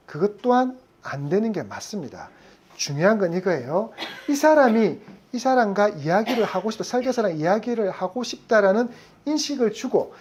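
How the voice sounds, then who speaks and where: Woman lecturer, animated pitch, quizzes the room constantly. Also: slight background noise. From Gyeongsang region. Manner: asks the audience frequent questions. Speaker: insurance sales lecturer. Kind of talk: lively classroom lecture.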